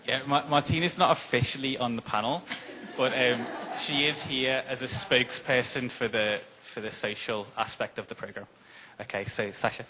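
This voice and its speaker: Man, panel moderator, mid pitch, halting, filler-heavy. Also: fairly even intonation, sharp tone, a little hiss or hum, low-quality recording. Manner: hesitant, many fillers and restarts. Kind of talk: hosting a panel. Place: event hall.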